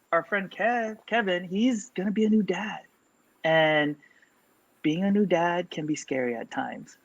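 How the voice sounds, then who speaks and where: A Californian man in his thirties hosts a casual podcast, chatting loosely and using fillers. His voice sits on the high side and sounds a bit bright, though the recording is dull lo-fi audio.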